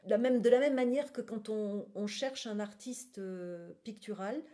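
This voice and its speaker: A graphic artist appears as a radio guest to present a gallery event, her medium-pitched voice dark in tone and a little slow. She explains eagerly, searching for words as she goes.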